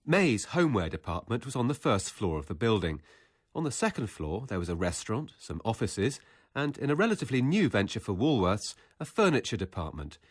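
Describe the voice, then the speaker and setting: A man narrating a radio documentary in a measured, scripted way. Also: on the low side, sing-song, slightly rough, dry recording, clean studio sound.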